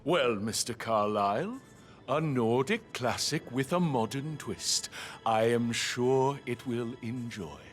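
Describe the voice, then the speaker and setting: A man's voice: medium pitch, expressive. An actor playing a boastful male chef who savors every word. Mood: smooth. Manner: slow, heavily accented, savoring every word. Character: boastful male chef, slow and self-assured. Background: game music.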